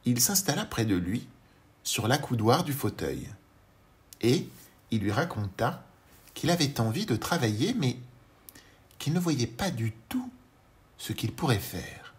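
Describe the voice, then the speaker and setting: Slow, lively-pitched male storyteller. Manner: slow, gentle and expressive, addressing a child. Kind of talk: children's audiobook narration.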